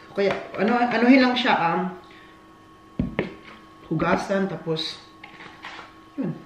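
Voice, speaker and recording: Woman chatting while she cooks, rambly, laughs a lot, echoey kitchen, loud noise behind. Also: mid-range voice, takes it slowly. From Philippines. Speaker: vlogger. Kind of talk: casual cooking chat.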